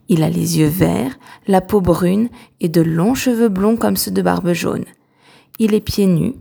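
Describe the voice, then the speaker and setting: A woman reads a children's story aloud, slowly and expressively. Her voice has a gravelly edge, and she lingers on each line. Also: medium pitch. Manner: slow, expressive storybook reading.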